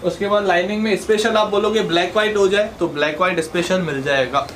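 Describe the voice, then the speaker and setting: A man, a shop owner showing his stock in a matter-of-fact casual sales pitch. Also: fast talker, fairly bright tone, slight background noise. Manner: matter-of-fact, listing items in short phrases.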